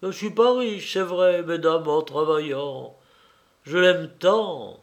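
A lovestruck older professor in an audiobook, speaking slowly and with feeling, as a man reading aloud does his voice. The voice sits a bit high and swells loud in moments of rage. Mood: tender. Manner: tender devotion turning to raging outbursts. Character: older male professor, besotted then furious.

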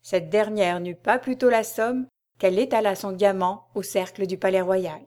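A woman narrating an audiobook of a historical tale. She reads in a measured, even storytelling manner at a middle pitch for a woman. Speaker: reader.

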